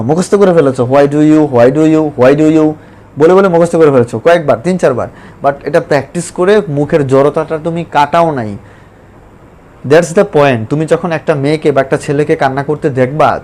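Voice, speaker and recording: A man teaches spoken English in an online lesson. He talks emphatically and repeats points, then slows right down to spell out English examples. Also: on the high side, a little mellow.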